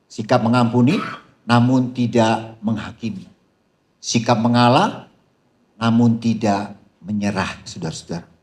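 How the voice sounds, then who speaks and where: A man preaching at a seminar in a lively, animated style, calling out to the crowd and shouting some punchlines. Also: mid-range voice, measured pace, pauses often. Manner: addresses the crowd as "Saudara", calls out "haleluya". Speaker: pastor. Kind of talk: seminar sermon.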